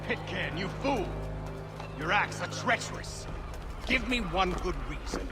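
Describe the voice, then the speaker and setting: An actor playing a haughty, irascible army general in a video game, imperious, biting and formal. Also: male voice, high-pitched, animated, measured pace, over loud music. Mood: angry.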